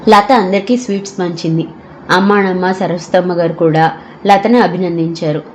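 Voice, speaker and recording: A woman narrating an audio novel in a steady storytelling manner. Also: on the low side, moderate pace, slight background noise.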